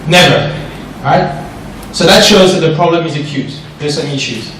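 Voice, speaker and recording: An investment specialist from France, fairly high in pitch and moderate in pace, delivers an animated seminar to an audience in a large, echoing room. He regularly checks in with "right?" and asks questions, and the distant recording has a bit of background noise.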